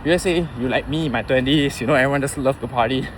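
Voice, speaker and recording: A man in his thirties with a Singaporean accent, rambling casually to a vlog audience in a halting, informal way, thinking aloud. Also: medium pitch. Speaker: running vlogger. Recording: clear outdoor traffic and vehicle noise.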